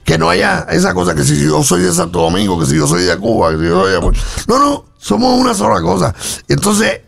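A man, a musician guest on a radio interview, explaining his work in a relaxed way. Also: high-pitched, brisk. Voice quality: gravelly and husky.

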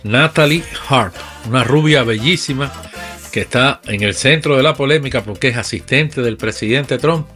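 A man's voice: mid-range voice, moderate pace, fairly bright tone, faint music behind. A man giving opinionated news commentary on a radio morning show, speaking straight to listeners. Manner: emphatic, addresses listeners directly.

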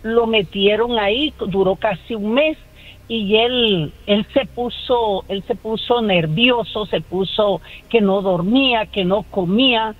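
A woman's voice: medium pitch, slow. Colombian coastal woman caller, 60s, hesitant and rambling, thin phone-line sound. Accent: Colombian Caribbean coast. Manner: rambling, hesitant, repeats words. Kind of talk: phone-in call.

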